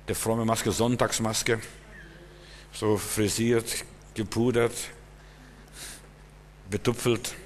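A man's voice: medium pitch, long reverb tail. A man preaching a sermon, retelling a story with many fillers and repeated words.

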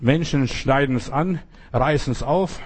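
A man preaches as an evangelist in an informal sermon style, earnestly speaking straight to the listener. His voice is medium-pitched, a little slow, and husky.

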